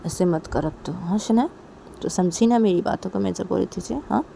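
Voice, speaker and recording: A woman voicing a gentle elder sister who soothes her crying younger sister, coaxing and repeating herself. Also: mid-range voice, normal speed, gravelly, a little hiss or hum. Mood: soothing.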